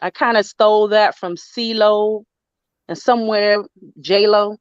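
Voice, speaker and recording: Over a video call, a middle-aged Florida woman who writes chats as an interview guest, taking it slowly in a smooth mid-range voice with fairly even intonation. She keeps restarting, uses lots of fillers and laughs frequently in loose, rambling stretches. The audio is dry and dull.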